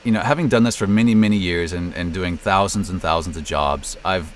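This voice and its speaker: A middle-aged American man with a low-pitched voice talks briskly in a casual interview about his career as a voice actor and narrator. There's a little hiss or hum on the recording.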